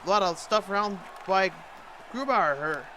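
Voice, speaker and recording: A man's voice: high-pitched, expressive, normal speed, bright, forceful tone, slight background noise. A man doing amateur hockey play-by-play commentary for a video game in short clipped phrases, in the style of a sports announcer.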